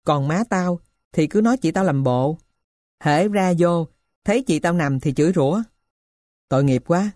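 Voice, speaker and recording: A woman's voice: fairly low pitch, normal speed, long pauses, dark tone, no echo, studio quality, natural voice. A woman voicing a poor runaway boy grieving his dead sister, in an earnest, confiding way. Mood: sorrowful.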